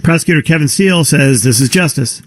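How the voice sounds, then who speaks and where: A man's voice: fairly high pitch, fast. A man co-hosting a talk radio show, bantering sarcastically and mimicking voices. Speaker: radio co-host.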